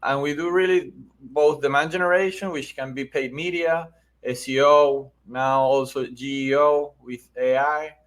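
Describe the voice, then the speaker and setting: With a medium-pitched, slightly bright voice and a steady tone, this middle-aged Venezuelan-accented man talks at a measured pace. He's a marketing agency founder guesting on a podcast, explaining things conversationally and frequently asking "right?".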